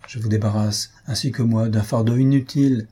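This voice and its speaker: A man's voice: mid-range voice, steady tone, brisk, warm tone, breathy edge, lightly acted. A man voicing a witty, mocking young noblewoman who talks in a teasing, proudly plain-spoken way.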